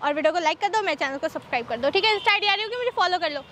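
A woman's voice: very high-pitched, lively intonation, racing, pushed and bright, a little hiss or hum. A young woman hosting a prank vlog, talking casually and teasing her boyfriend in a playful, coaxing way. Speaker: prank vlogger.

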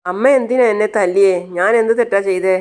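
A narrator voicing a guilty young man who pleads, in a smooth voice. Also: mid-range voice, steady tone, brisk, a little mellow, natural voice. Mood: pleading.

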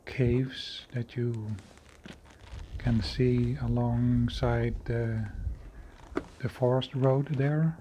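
A man narrating his own cave footage in an unscripted voice-over, slow and halting with many fillers and restarts. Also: mid-range voice, little pitch movement, mellow, a little hiss or hum. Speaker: video creator exploring a cave.

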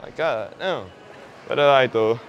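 A young man vlogging out and about, brash and full of slang. His voice sits at an ordinary pitch. Faint street noise runs behind him. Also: unhurried, highs cut off. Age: 20s. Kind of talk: street prank vlog, casual chat. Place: indoor mall and outdoor basketball court.

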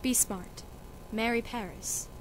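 Brief: a woman voicing a pragmatic nurse, quick and matter-of-fact, slightly high. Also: slight background noise, low-quality recording. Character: pragmatic old nurse, blunt adviser. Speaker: student actor in a school reading.

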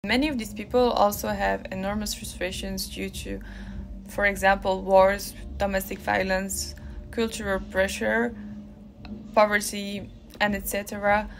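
A woman's voice: medium pitch, flat delivery, unhurried, vocal fry, slight background noise, low-quality recording. A young woman giving an earnest part of a class presentation to a phone camera in a small room. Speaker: student presenter.

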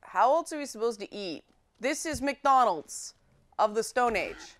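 A woman's voice: a little high, very animated, measured pace, fairly bright tone. A young woman giving chatty, playful commentary while she plays a video game. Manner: chatty and playful, urging her pets on. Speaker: game presenter. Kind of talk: casual let's-play commentary.

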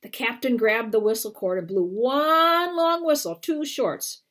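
With a slightly high, husky voice, a woman in her sixties or older presents a storytime read-aloud to camera as the book's author. Her reading in the small indoor living room is deliberate and expressive, dotted with brief clarifying asides.

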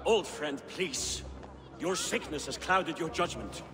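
An actor playing a grave veteran Viking warrior in a video game, solemn and entreating. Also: male voice, on the high side, animated, slow pace, a bit bright. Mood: pleading. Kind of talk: dramatic video game acting.

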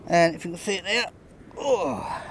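A man talks through his finds on a pebble beach in a relaxed, understated way, with little chuckles as he goes. His voice sits a touch high. A faint outdoor hiss stays behind him on the handheld camera. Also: moderate pace. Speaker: metal detecting vlogger. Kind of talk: casual running commentary while detecting. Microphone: camera held close, filming his hands.

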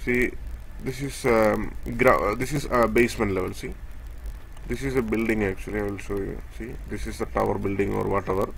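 A man with a low, gravelly voice walks through a technical drawing in a screen-share tutorial. He talks haltingly and restarts often, pointing out one part after another. A faint hiss sits under the recording. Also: steady tone. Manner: halting, many fillers and restarts, explains step by step pointing at a drawing. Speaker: instructor.

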